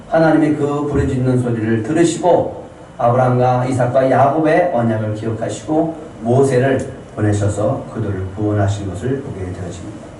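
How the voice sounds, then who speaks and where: A man's voice: medium pitch, warm tone. A man preaching a fervent Sunday sermon as pastor, often tossing "예" to his congregation. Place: church sanctuary. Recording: roomy distant church recording with faint noise.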